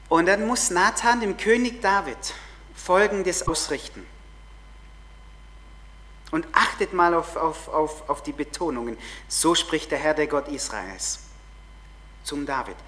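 A woman preaching a sermon, earnest and emphatic, repeating phrases and sometimes dropping to a soft whisper. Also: lowish voice.

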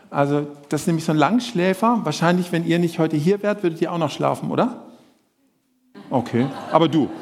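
A man presenting a live puppet show for children, speaking to them directly in a lively way. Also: fairly high pitch, vocal fry, in a large hall.

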